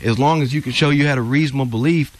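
A man speaks as an attorney guest on a call-in radio show, explaining the law in an earnest, repetitive way. His voice sits in an ordinary middle pitch. The studio sound is close and dry. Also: very fast, no room sound. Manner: earnest, repeats and restarts to stress points.

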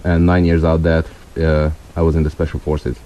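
Low-voiced Hungarian man, halting English. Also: flat delivery, warm tone, lo-fi sound. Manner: halting non-native English, searching for words. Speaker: firearms expert guest. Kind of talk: call-in radio show guest.

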